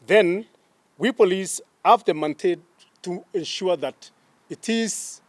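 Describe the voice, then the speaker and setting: A man with a Kenyan accent, a police spokesman reading a formal statement in a deliberate, emphatic way. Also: sits high, no echo. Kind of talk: official press statement.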